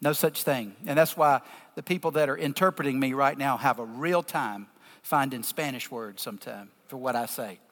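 A man with a deep Southern US accent preaching a sermon, teaching scripture emphatically and deliberately in short, broken phrases. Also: a bit bright. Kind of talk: sermon, explaining scripture to a congregation. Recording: long reverberation of a large hall.

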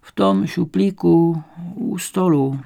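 A male narrator voicing a frail, bedridden old grandmother who speaks slowly and weakly, resigned to everything. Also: fairly low pitch, creaky, warm tone, voice pushed up. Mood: weak, plaintive. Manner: slow, weak, plaintive.

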